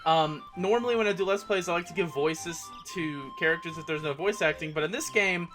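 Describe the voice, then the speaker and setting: A woman's voice: fairly low pitch, a little fast. A woman casually commenting on a game as she plays, chatty and self-mocking. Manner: chatty, laughs at herself. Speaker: let's play host. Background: faint game music.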